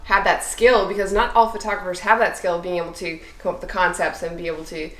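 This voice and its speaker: A woman hosts a relaxed chat, asking easygoing questions and chiming in often. Her voice sits at an ordinary pitch and rings in a roomy space. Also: fast talker. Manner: casual, lots of backchannel, swears lightly. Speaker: interview host. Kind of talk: casual interview.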